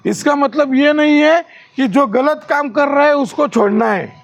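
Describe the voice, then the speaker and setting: A man's voice: very high-pitched, unhurried, creaky. A man training security guards in class, quizzing the trainees with questions and showing rude and polite ways to talk.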